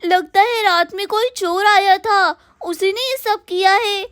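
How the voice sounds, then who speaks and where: A woman voicing a busy, put-upon young village daughter-in-law in a doll cartoon, hurried and complaining. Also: very high-pitched, a bit bright, no echo, studio quality.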